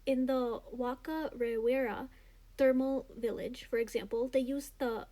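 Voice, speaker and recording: A young American student woman narrating a school presentation in a measured, read-aloud way. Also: high-pitched, fairly even intonation, mellow, soft background music, poor audio. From United States. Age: young adult. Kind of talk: scripted narration.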